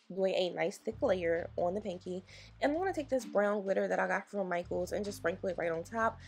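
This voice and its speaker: A woman nail technician, raspy from just waking up, chatting casually and encouragingly to viewers as she explains her work. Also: on the low side. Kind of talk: casual tutorial voice-over.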